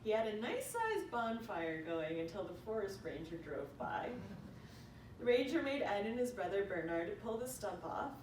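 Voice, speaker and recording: Picked up by a faraway mic in a reverberant space with a constant rumble, a woman reads a written eulogy aloud, telling it like a story.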